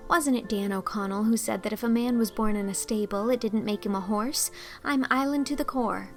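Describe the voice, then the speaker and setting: A woman's voice: medium pitch, faint music behind, close to an everyday voice. Anne Shirley, voiced by a woman spirited young student. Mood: proud. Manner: quick, proud, lively retorts.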